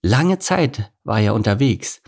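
A man's voice: on the low side, animated, slow pace, a little mellow, slightly rough, pitched above the performer's own voice, exaggerated voice. A man voicing a bossy but caring lioness mother in an audiobook story. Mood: calm. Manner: scolding, commanding.

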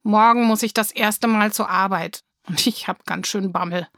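A woman voicing a patient, loving father who reasons with his daughter in a gently firm, coaxing way, in a storybook reading. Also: medium pitch, steady tone, moderate pace, creaky, no room sound, studio quality.

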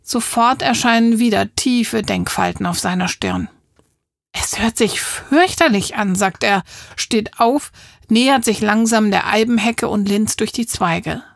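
Gravelly woman narrating a children's audiobook. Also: medium pitch, a little slow, no room sound, clean studio sound. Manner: lively, voices the characters.

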